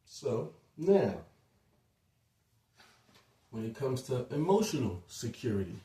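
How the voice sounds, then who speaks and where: Speaking loosely, full of fillers and asides, a man delivers a short casual lecture in a very animated, slow, mellow voice of medium pitch. He sits far from the mic, and the room echoes around him.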